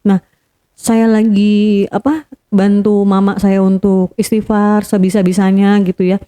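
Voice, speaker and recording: A woman's voice: medium pitch, level tone, a little slow, dark tone, clear, resonant tone. A woman guest telling a painful family story in earnest first-person detail, repeating key points for emphasis. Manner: earnest, re-enacts quoted dialogue, repeats for emphasis.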